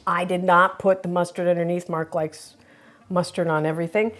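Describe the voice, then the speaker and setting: Hosting a food taste-test vlog, a woman chats away and explains each dish as she tries it. Her voice is fairly low and a little bright, delivered at a normal speed with a level tone.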